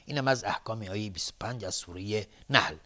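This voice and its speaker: A man teaching tajweed on a TV lesson, chanting slowly and melodically and then explaining the rules in quick, plain speech. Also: lowish voice, sharp tone. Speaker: Quran recitation and tajweed teacher.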